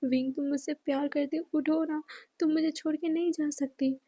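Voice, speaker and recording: A grief-stricken young man in denial, voiced by a woman storyteller, pleading and tripping over repeated words. The voice sits high and warm. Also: level tone, moderate pace, lightly acted. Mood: desperate pleading.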